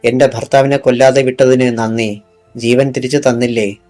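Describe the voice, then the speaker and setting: A stern female police superintendent in a recorded thriller confronts her suspect in hard, accusing words, as a man reads her. Her pitch stays middling. Soft music plays under it. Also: little pitch movement, moderate pace, close to an everyday voice.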